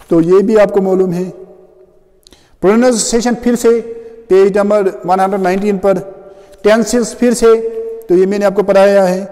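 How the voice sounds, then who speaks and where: A man's voice: high-pitched, dark tone, long reverb tail. A male teacher giving a classroom grammar lecture, explaining step by step and often checking what the students already know.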